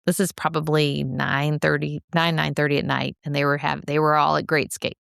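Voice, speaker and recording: A middle-aged woman with a low, gravelly voice, chatting casually as a podcast co-host. She tells a story with lively energy, laughs often and slips into the voices of the people she quotes. The sound is dry and close. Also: normal speed, dry recording. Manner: animated, laughing, acts out quoted speech.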